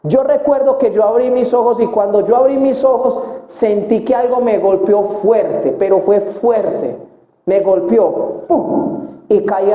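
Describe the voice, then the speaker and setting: Young male preacher, high voice, emotional sermon testimony, echoey tinny recording. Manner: emotional storytelling, addressing the congregation directly. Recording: echoey, tinny phone-like sound.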